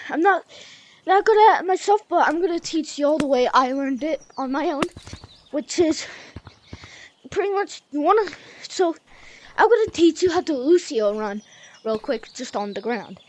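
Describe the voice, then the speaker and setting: A woman's voice: sits high, animated, measured pace, pauses often. A young woman, a bit out of breath, chatting loosely as she teaches a game move by move. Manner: chatty, loose, says y'all and like. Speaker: gaming tutorial host. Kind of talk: casual game tutorial.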